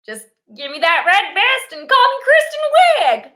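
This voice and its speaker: High-pitched young woman, sharp bright tone, acting an earnest frayed game show contestant, comic theatrical style. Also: big pitch swings, a little slow, full character voice. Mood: nervous reasoning. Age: young adult.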